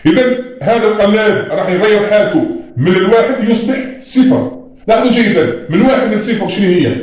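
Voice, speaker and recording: A man's voice: high voice, a little mellow. A man teaching a lesson, patiently explaining at a board and often telling students to look closely. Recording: very echoey room.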